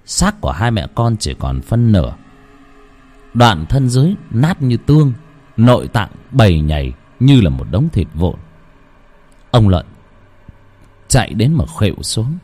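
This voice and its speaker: A man's voice: mid-range voice, huge pitch swings, a little slow, pauses often, a little mellow, slightly rough. Dramatic male ghost story narrator.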